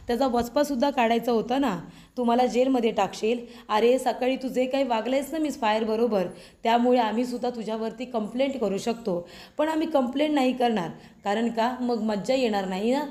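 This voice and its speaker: A woman's voice: fairly high pitch, warm tone. A woman narrating a TV serial episode recap in a voice-over, retelling the dialogue with emphatic, scolding delivery. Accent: Marathi. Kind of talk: voice-over recap, reading characters' lines.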